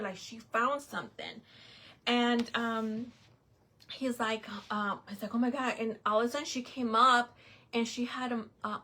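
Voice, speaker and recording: Chatty bright-voiced woman telling a story. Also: fairly high pitch, husky. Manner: chatty, rambling, lots of fillers and restarts. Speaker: vlogger. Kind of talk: casual storytelling.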